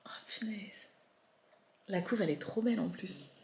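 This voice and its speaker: Excitable young French woman vlogging. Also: lowish voice, fast, gravelly. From France. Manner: gushing, excitable, many fillers. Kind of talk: casual unboxing chat.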